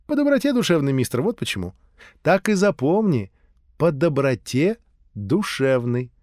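A man's voice: fairly high pitch, big pitch swings, moderate pace, darkish tone, dry recording, clean studio sound. A man voicing a brash, flirty earthling woman in an audiobook, cocky and teasing.

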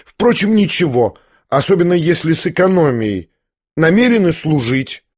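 A man's voice: on the high side, big pitch swings, moderate pace. A man voicing a proud young noblewoman who questions sharply and mockingly. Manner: imperious, pointed questioning.

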